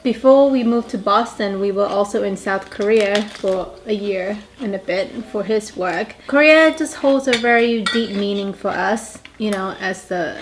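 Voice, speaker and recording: A woman's voice: mid-range voice, poor audio. A woman from Thailand, raised in England, in her thirties, chatting casually as she reads out questions for a couple's vlog. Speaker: vlog host. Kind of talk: casual chat.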